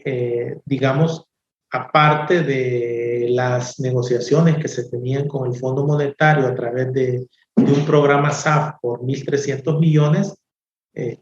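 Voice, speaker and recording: Male economist guest from El Salvador, unhurried and hesitant, echoey lo-fi remote sound. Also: mid-range voice, a little mellow. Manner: slow, measured, hesitant with many fillers. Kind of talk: interview answers. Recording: echoey, dull remote audio.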